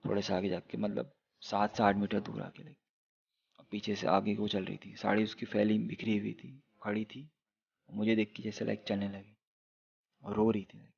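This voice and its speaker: A man's voice: lowish voice, level tone, normal speed, creaky, a little mellow, lo-fi sound. A young man telling a true horror story in a casual, chatty way, speaking straight to his viewers with lots of English fillers.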